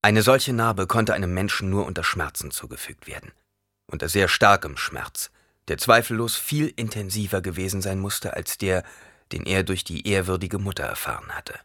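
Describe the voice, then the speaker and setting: A man reading an audiobook as narrator in an expressive storytelling manner. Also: low-pitched, normal speed, no room sound, studio quality. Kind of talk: scripted narration.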